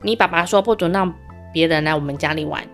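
A woman's voice: low-pitched, fast, fairly bright tone, soft background music. A woman doing a nagging tattletale parrot. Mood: scolding. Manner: scolding, tattling.

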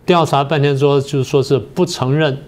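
An older man, a political science professor and guest on a talk show, explaining history in a slow, methodical way. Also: mid-range voice, steady tone, a little mellow. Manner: methodical, explains step by step with many pauses.

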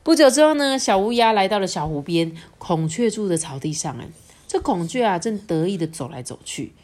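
A woman's voice: medium pitch, fairly quick. Mom doing storytime, super bouncy voice, keeps asking her kid stuff. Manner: lively, warm storytelling with questions to the child. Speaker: mother reading to her child. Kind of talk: picture-book read-aloud.

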